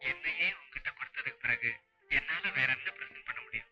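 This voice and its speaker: An actor plays a devoted young lover in a 1980s Tamil film, his voice a little high as he teases with an edge of hurt. The recording is dull and lo-fi, with faint music behind. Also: lively intonation, a little fast, lightly acted. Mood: tender. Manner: teasing, wounded, mixes English phrases. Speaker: film hero.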